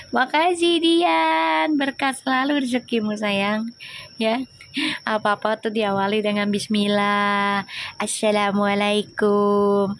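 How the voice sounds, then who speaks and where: A woman's voice: medium pitch, a bit bright, a little hiss or hum. Chatty tarot reader woman. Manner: chatty, scolds commenters, switches to slangy banter. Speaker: tarot reader on a live stream. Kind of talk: live-stream tarot reading and chat replies.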